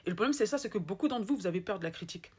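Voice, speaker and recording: A woman's voice: mid-range voice, lively intonation, very fast, darkish tone, slightly rough. A woman with an Ivorian French accent giving a motivational monologue, emphatic and repeating her points straight to the listener. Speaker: motivational speaker.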